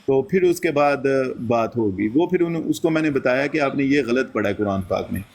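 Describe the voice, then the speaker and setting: A man casually recounting a debate, quoting his own lines back and forth as he tells it. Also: mid-range voice. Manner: recounts events and quotes himself in lively dialogue. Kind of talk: casual storytelling.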